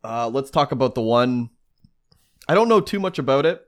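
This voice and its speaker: A man's voice: medium pitch, normal speed. Guy rambling on a chill gaming podcast, mid voice, lots of um and like. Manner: rambling, animated, lots of fillers and restarts. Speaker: podcast co-host. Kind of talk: casual chat.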